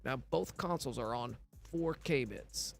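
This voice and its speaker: A gaming tutorial narrator, still recovering from illness, speaks in a scratchy, plain, creaky voice of mid pitch, unhurried. He plainly walks through each step of a casual game tutorial voice-over, with a faint music bed underneath.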